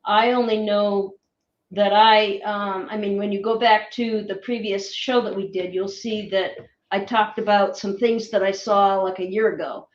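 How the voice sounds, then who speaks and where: A woman's voice: mid-range voice, steady tone, measured pace. A woman on a video call, chatting casually as a guest and explaining her photos, hesitant with many fillers and restarts. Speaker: guest sharing orb photos. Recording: distant, roomy, muffled call audio.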